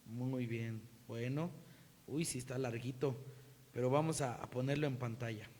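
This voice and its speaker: A male pastor preaching a sermon, animated, acting out scripture dialogue with a raised voice. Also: mid-range voice, moderate pace, long reverb tail, slight background noise.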